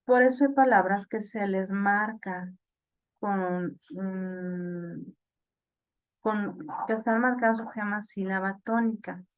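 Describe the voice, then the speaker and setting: Slow-talking woman teacher. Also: mid-range voice, no room sound. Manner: slow, halting explanation with many fillers and repeats; checks understanding with "ok?". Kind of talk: online class lecture.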